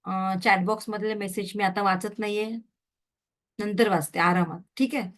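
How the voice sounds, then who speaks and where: A woman's voice: mid-range voice, fairly even intonation, moderate pace. A middle-aged woman teaching an online Reiki class, who slips into English words and keeps checking in with rhetorical questions. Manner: switches freely into English words and phrases. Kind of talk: online training class lecture.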